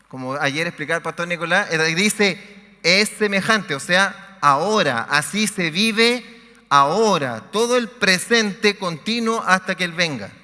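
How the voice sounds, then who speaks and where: A man preaching a sermon as pastor, reading scripture aloud with dramatic pauses on a convention stage mic. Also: high voice, bright, forceful tone. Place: large convention hall. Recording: convention hall reverb.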